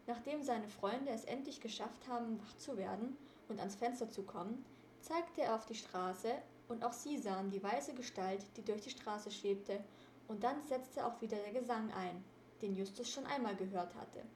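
A woman reading a story aloud in a steady narrating voice. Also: fairly high pitch, normal speed, a little hiss or hum. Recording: roomy echo.

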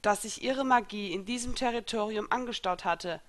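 A woman reading a first-person story aloud in an expressive, lively storytelling manner. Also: medium pitch, moderate pace, dry recording. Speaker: reader.

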